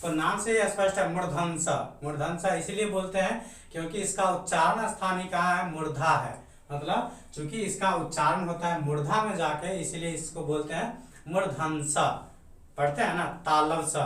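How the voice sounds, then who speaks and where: A man's voice: high voice, fairly bright tone. A man teaching a grammar lesson, explaining step by step and answering his own questions. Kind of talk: grammar lecture. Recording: very echoey room, mic far off.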